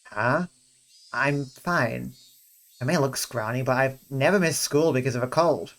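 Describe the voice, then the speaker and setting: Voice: medium pitch, measured pace, close to an everyday voice. A reader voicing an ordinary teenage schoolboy in a visual novel, in a plain, slightly reluctant tone close to their own voice. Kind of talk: reading a visual novel aloud.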